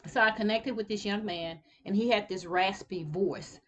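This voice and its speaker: A woman's voice: mid-range voice, normal speed, a little hiss or hum. A woman in her fifties talking casually to camera, telling a personal story in an earnest, reflective way. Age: 50s. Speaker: tax preparer sharing life advice.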